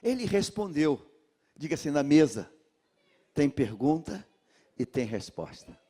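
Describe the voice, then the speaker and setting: A male pastor from Rio de Janeiro delivers a sermon in a large church, his voice husky and a little higher than usual. He preaches slowly and drops to near whispers before rising to shouts. He keeps calling on the congregation to repeat after him. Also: sing-song. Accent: Rio de Janeiro Brazilian Portuguese. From Brazil. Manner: calls on the congregation to repeat and underline, swings from hushed to shouted.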